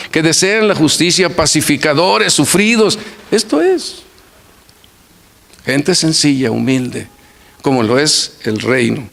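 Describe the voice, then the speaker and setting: An older man preaching an earnest sermon, repeating his points and weaving in homely stories. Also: mid-range voice. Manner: earnest, repetitive preaching with folksy anecdotes. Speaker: pastor. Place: church.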